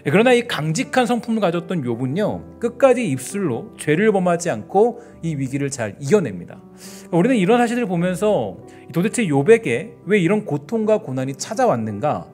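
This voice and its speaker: A man's voice: sits high, sing-song, normal speed, few pauses, darkish tone, soft background music. A middle-aged man preaching a midweek sermon in a casual, conversational way, acting out scripture dialogue in everyday speech and restarting his phrases. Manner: frequent fillers and restarts. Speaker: pastor.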